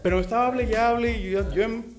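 A man's voice: extremely high pitch, fairly even intonation, racing, faint music behind. A man with a Mexican accent hosting a casual comedy chat, telling crude, joking stories. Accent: Mexican Spanish. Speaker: show host.

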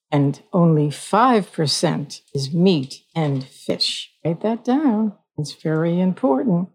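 An older woman hosts her own solo podcast, speaking in a lowish voice with a darkish tone. Her manner is chatty and folksy, and she repeats her points.

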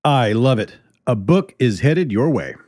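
A man's voice: medium pitch, animated, a little slow, a little mellow, no echo, studio quality. A man hosting a podcast, tasting a treat and chatting with enthusiasm, now and then talking with food in his mouth. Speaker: podcast host. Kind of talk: casual tasting segment and outro.

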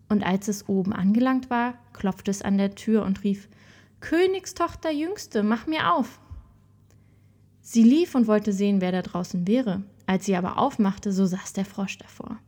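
A woman reads a fairy tale aloud as whispered storytelling, soft and unhurried. Her voice is breathy and husky, at a middle pitch for a woman.

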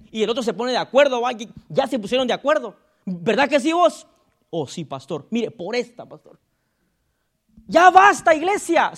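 High-pitched preaching man. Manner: preaching with sudden loud calls and acted gossip asides. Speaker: pastor. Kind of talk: sermon. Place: church.

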